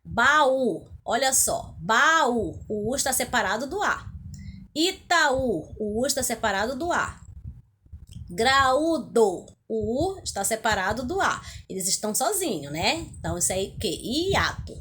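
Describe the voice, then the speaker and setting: A Brazilian woman teaching young children in a recorded video lesson, her voice set fairly high and rising and falling a great deal. She speaks in a fond sing-song way, drawing out example words slowly and sometimes calling them out loudly. A faint hiss sits under the recording. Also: big pitch swings. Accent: Brazilian Portuguese.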